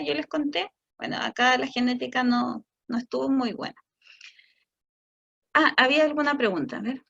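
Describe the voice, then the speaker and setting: A Chilean woman speech therapist giving a talk to parents, explaining patiently and stretching words out slowly to demonstrate them. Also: high voice, creaky, fairly bright tone, muffled recording. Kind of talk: online talk for parents answering questions.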